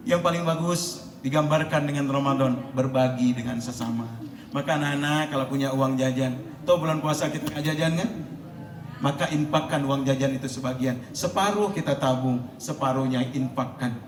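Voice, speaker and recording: Animated preacher in an echoey hall. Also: male voice, mid-range voice, normal speed, slight background noise. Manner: storytelling, animated, laughing between lines. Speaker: preacher at a school Ramadan program. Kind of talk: sermon to students. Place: school hall. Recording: echoey room with faint ambience.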